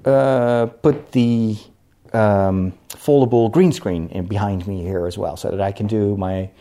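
A man's voice: lowish voice, unhurried, mellow. A man chatting casually to his listeners as a podcast host, thinking aloud and rambling a little in an echoey living room with a wooden floor.

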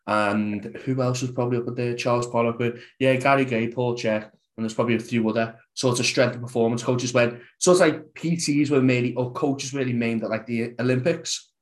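A man's voice: medium pitch, steady tone, fairly quick. A young adult man with a Scouse accent, a fitness coach talking as a podcast guest, rambling and full of "like". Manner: rambling, heavy use of "like". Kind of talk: casual podcast chat.

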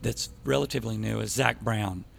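A man hosting a casual podcast chat, relaxed and opinionated, recorded in a band's rehearsal space. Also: fairly low pitch, fairly quick, creaky. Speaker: podcast host. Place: band rehearsal space by a train track.

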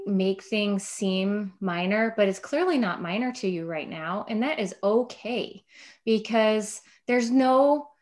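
A woman's voice: mid-range voice, a little mellow. A woman coach in a group session, responding in an upbeat, reassuring way.

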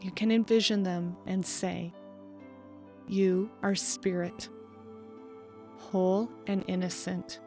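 A woman hosting a podcast, leading a guided meditation in a calm, slow and measured voice with soft pauses. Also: fairly low pitch, faint music behind. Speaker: podcast host.

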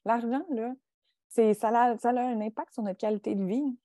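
Mellow Quebec French woman hosting casually. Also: a little high, fairly even intonation, normal speed, dry recording, studio quality. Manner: colloquial, peppered with English words. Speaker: podcast host. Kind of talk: casual podcast chat.

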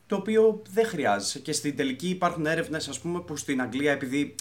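A man co-hosting a podcast in casual conversation, speaking haltingly with frequent restarts. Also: on the high side, lively intonation. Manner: halting, restarts words, mixes in English terms. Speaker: podcast co-host.

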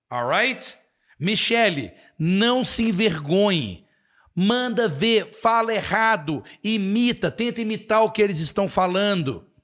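A man's voice: high-pitched, a bit bright. A middle-aged Brazilian man hosting a live English class, encouraging viewers and repeating key phrases, mixing in English. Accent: Brazilian Portuguese.

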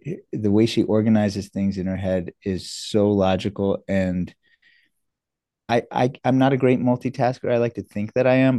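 A middle-aged man from New York talks as a guest in a casual interview, earnest and a little self-deprecating. His voice sits low and warm. The recording is close and dry, with little room sound. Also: dry recording. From New York, USA. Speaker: guest surgeon.

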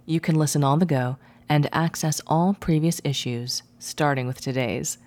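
A woman's voice: deep voice, moderate pace, a little mellow. A woman reading a scripted audio newsletter as its host, poised and speaking intimately to the listener.

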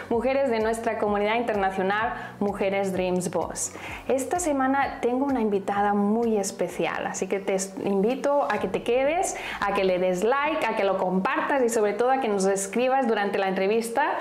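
A woman hosting an interview podcast, upbeat and emphatic, repeating words for effect. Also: mid-range voice. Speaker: podcast host. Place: studio room, guest present. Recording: roomy echo, faint music.

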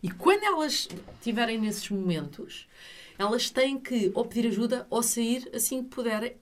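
A middle-aged woman with a European Portuguese accent, a retreat leader appearing as an interview guest, explains things earnestly and emphatically. Her voice is fairly high and animated, at a moderate pace.

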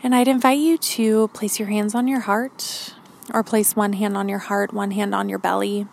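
Calm woman guiding grounding meditation, slightly creaky. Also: medium pitch, normal speed, a little hiss or hum. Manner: calm, encouraging, gently instructing. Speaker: podcast host and meditation guide.

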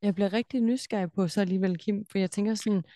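A woman's voice: medium pitch, fairly even intonation, mellow. A Danish woman hosting a podcast, asking her questions in a thoughtful, curious and somewhat hesitant way. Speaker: podcast host. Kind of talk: interview conversation.

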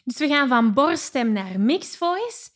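High-voiced woman teaching singing. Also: very animated, slow pace, fairly bright tone. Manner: encouraging, explains technique then sings examples. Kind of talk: vocal lesson with sung demonstrations.

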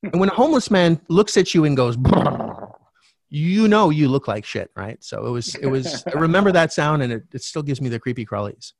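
A middle-aged man, a podcast guest and real estate coach, telling a candid personal story in a frank, animated way, swearing casually. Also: on the high side, a little fast, dry recording.

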